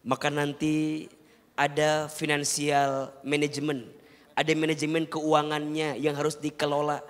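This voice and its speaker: A man's voice: on the high side, monotone, measured pace. A man preaching a televised sermon, earnestly advising and keeping the audience engaged with rhetorical questions. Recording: long hall reverb.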